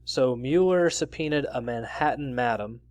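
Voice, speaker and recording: A man's voice: medium pitch, normal speed, a little mellow, dry recording. A man hosting his own news commentary video, talking through stories casually and reading bits of articles aloud with his own asides. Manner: conversational, reads out article excerpts with asides.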